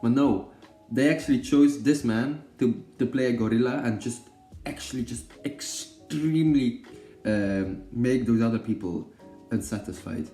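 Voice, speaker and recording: A young Belgian man whose first language is Dutch rambles casually about films as a vlogger, full of fillers, restarts, self-corrections and jokes. His voice is medium-pitched, unhurried and mellow. The rough recording has room echo and soft music in the background.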